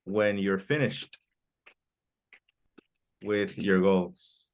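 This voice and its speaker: An American man teaches an online English class, asking students questions and encouragingly repeating their answers. He speaks in a low, steady voice and draws out his words.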